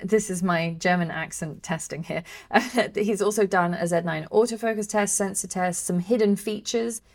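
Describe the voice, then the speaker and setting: A woman's voice: mid-range voice, normal speed. A woman co-hosts a photography news podcast, presenting reviews and channel tips. Her delivery is cheerful and courteous, with frequent light laughter. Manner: cheerful, polite, laughs easily. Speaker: podcast co-host. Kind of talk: casual news chat.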